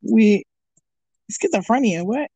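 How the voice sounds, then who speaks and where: A young woman with a slightly high voice, talking in a casual, joking way. She laughs often as she chats, and the sound is dry and close. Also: lively intonation, slow, warm tone, husky, no echo, highs cut off. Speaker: podcast co-host. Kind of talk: casual chat.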